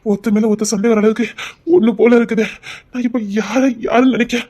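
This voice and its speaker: Woman doing a flustered older family guy in an audio drama, kinda high, dark and husky, urgent. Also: steady tone, a little fast, lightly acted. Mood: bewildered. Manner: urgent, flustered, barking orders. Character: anxious older man of the family, frazzled. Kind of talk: Tamil serial-style audio drama.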